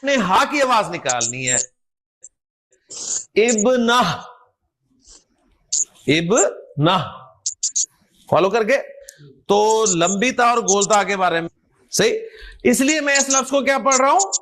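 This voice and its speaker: A male Arabic grammar teacher with a Pakistani Urdu accent and a strikingly high voice. He explains patiently, repeats each example and keeps asking the class whether they follow. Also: big pitch swings, a bit bright. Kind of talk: recorded grammar lecture.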